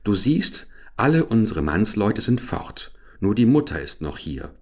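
Wild little robber girl, bossy and threatening, higher than the reader's deep voice, done by a man. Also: sing-song, unhurried, heavily acted.

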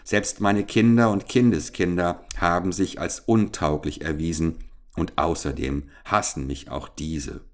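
A man reads a haughty, ancient male scientist-king from a storybook, solemn and imperious. His voice sits very low and heavy. He speaks like someone long used to ruling over others. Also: steady tone, a little slow. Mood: solemn, weary. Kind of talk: audiobook character reading.

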